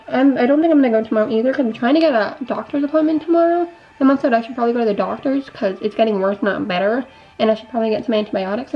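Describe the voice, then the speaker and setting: In dull audio, a young adult vlogger with a fairly high voice rambles through a casual life update while doing makeup. She sounds a bit sick, with a sore throat and a mildly stuffy, nasal tone. She keeps repeating and restarting her thoughts.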